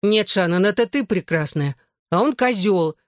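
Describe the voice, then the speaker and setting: A reader voicing a bubbly, excitable teenage girl who fiercely takes her best friend's side. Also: fairly low pitch, no echo, clean studio sound, lightly acted. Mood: indignant. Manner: quick to excitement and indignation.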